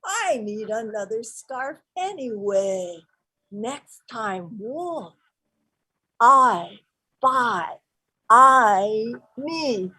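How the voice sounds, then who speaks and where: A woman's voice: fairly high pitch, big pitch swings, very slow, husky, exaggerated voice, rough recording. A woman playing a fierce, feisty old grandmother. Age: older. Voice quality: broken English, shifting between shouts and whispers. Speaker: actor. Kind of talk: live-streamed stage play.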